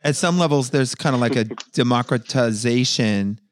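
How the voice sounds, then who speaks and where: Tipsy by his own account, this podcast host rambles and curses his way through casual chat on a video call. He speaks in a mid-range voice at normal speed, with slight background noise.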